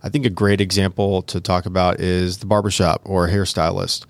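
Low-voiced man mumbling slightly, mouth numb from dentist. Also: little pitch movement, brisk, no echo. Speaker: podcast host. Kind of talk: casual podcast talk. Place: podcast studio.

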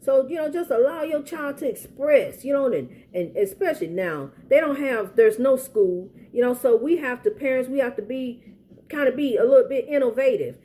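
A woman's voice: sits high, expressive, normal speed, warm tone. A middle-aged woman with an American accent gives informal, heartfelt advice in an earnest, pleading and repetitive way. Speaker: parent speaking out in a personal public service message. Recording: faint background noise, ambient sound.

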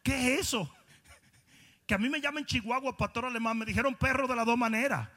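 High, bright-voiced man preaching in a hall. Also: fairly quick. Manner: challenging, confrontational preaching. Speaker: pastor. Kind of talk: sermon.

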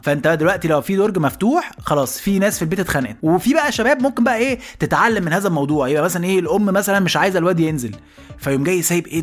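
A man with an Egyptian accent hosting a comedy podcast, telling stories in an animated monologue and slipping into voices. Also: sits high. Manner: rapid, animated, jumps into voices. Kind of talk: comic storytelling monologue.

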